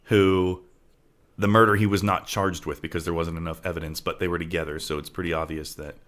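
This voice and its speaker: A man co-hosts a true-crime podcast with a flat delivery, speaking a little fast in a low, somewhat bright voice. Talking conversationally at home near farm animals, he peppers his lines with "right?" and sometimes fades into laughter.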